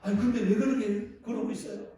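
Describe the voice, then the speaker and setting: A frightened wife rattles off worried questions in a raised, high voice, as a male preacher acts her out. The sound rings through a big echoing hall, picked up from a distance. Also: steady tone, fairly quick, warm tone, close to an everyday voice. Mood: alarmed. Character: startled worried wife, middle-aged woman. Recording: echoey hall, distant mic.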